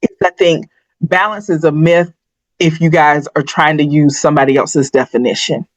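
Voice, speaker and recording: A woman's voice: sits low, steady tone, normal speed, no room sound. A middle-aged woman co-hosting a podcast, chatting candidly and personally, thinking aloud with restarts. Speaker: podcast co-host. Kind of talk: candid conversational chat. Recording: dry, slightly dull podcast audio.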